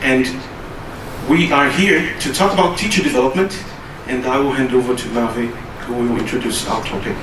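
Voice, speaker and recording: A man who is a native Portuguese speaker gives a formal conference presentation, measured and pausing often with "uh". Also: mid-range voice, fairly even intonation. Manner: measured, with frequent hesitations. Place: conference hall. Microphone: distant from the recorder. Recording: roomy, distant hall recording with noise.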